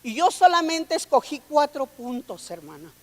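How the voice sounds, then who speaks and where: A woman's voice: high-pitched, big pitch swings, moderate pace. A woman preacher delivering a sermon, reading scripture aloud and calling her listeners brother and sister. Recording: long hall reverb.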